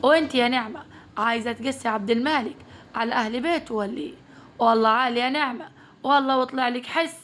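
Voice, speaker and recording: A stern, commanding old patriarch rules the dinner table in this spoken story, his rebukes slow and weighty, as a woman storyteller voices him. The voice sits slightly high. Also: a bit bright, a little hiss or hum, close to an everyday voice.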